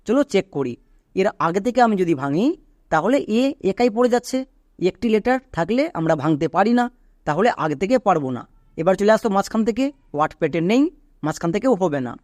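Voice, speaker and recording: A man's voice: high voice, darkish tone, no echo, clean studio sound. A man from Bangladesh, teaching English pronunciation step by step and asking and answering his own questions. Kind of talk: spoken lesson.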